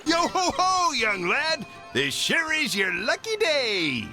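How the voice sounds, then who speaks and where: Very high, swaggering cartoon pirate captain. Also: male voice, huge pitch swings, slow, music in the background, heavily acted. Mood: jovial hailing. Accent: stage pirate. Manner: hammy, wheedling. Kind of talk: animated game cutscene acting.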